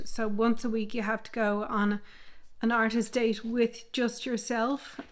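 Candid woman in her fifties, higher voice. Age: 50s. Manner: candid, reflective, meandering. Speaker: artist vlogger. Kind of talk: casual vlog chat. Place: home art studio. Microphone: microphone she moves away from and back to.

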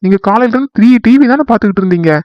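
A man voicing a fiery young village wife in a cartoon, who talks in a shrill, accusing, indignant way. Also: racing, no room sound, lo-fi sound, natural voice.

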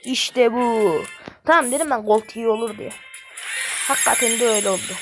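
A woman runs a gaming channel, giving excitable, slangy live commentary and trash-talking the game while she plays. Her voice is a little high at a moderate pace, with game music in the background.

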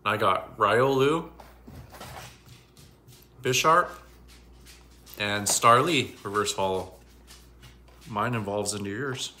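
A man's voice: lowish voice, slow pace, long pauses, sharp tone. A man hosting a casual card-opening video, upbeat and joking. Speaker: channel host.

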